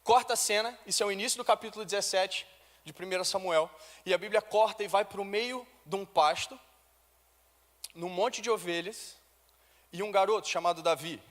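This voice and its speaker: A man preaching a sermon as a pastor, retelling a story in lively modern slang with acted dialogue. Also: sits high, moderate pace, long reverb tail. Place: church.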